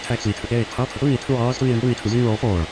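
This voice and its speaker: Male actor as airline pilot, radio call, rapid delivery, clipped phraseology, medium pitch, noisy hissy background. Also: steady tone, close to an everyday voice. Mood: businesslike. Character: brisk male airline pilot calling air traffic control. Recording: hissy radio with engine-like noise.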